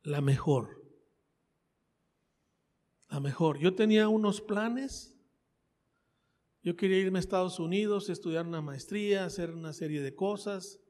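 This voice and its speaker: In a reverberant church hall, a man with a Mexican accent preaches and shares his testimony. His voice is high and darkish, his speed normal, and he talks conversationally, repeating himself and asking the audience questions.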